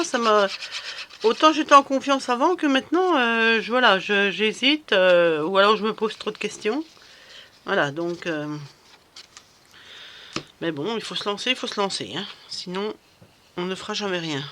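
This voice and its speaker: A woman's voice: medium pitch, moderate pace, sharp tone, slight background noise. A woman vlogger chatting casually while she crafts at home, rambling and hesitant, full of fillers and restarts.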